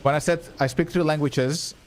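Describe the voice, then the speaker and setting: A young game streamer whose first language is Croatian talks in a slightly high, steady voice at normal speed. While playing on a live stream, he reads and answers chat and swears casually now and then.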